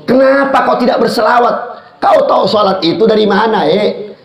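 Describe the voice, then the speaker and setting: A man preaches to a gathering in a high, ringing voice. He keeps turning questions on his listeners and slips into storytelling. The sound bounces around a large, echoey hall. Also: moderate pace. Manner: rhetorical, questioning the crowd, storytelling. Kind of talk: sermon.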